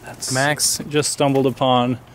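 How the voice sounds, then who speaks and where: A man's voice: mid-range voice, a little slow, slight background noise. Young man chatting while exploring. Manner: relaxed, chatty, narrates finds. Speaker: urban explorer host. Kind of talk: casual exploring chat. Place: abandoned housing complex, outdoors and in empty apartments.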